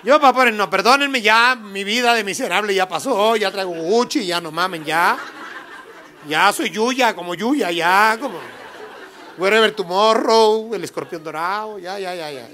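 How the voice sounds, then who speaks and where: A man's voice: high voice, a little slow, pushed and bright, slight background noise. A man with a Mexican Spanish accent doing profane, rowdy stand-up comedy, laughing often and teasing the audience. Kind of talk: stand-up comedy with crowd work.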